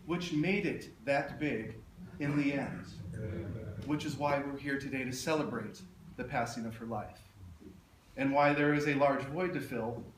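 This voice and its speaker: Echoey, halting, tender man's eulogy. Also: on the high side, a bit bright. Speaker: eulogist speaking at his mother's funeral. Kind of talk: funeral eulogy, public speech. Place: echoey room, speaking to a gathering. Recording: roomy echo, distant mic, faint noise.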